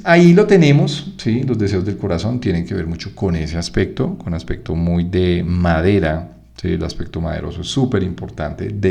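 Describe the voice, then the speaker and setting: A man with a Colombian Spanish accent giving an online lecture on acupuncture, teaching in a lively way and checking in often with "¿sí?". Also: low voice, creaky. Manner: lively teaching, frequent "¿sí?" checks, acts out students' objections. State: one ear feels blocked.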